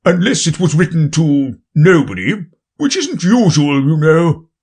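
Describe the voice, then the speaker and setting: A man voicing a fussy, blustering old king presiding over a courtroom, with loud, pompous pronouncements. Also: on the high side, big pitch swings, unhurried, slightly rough, voice pushed up, full character voice.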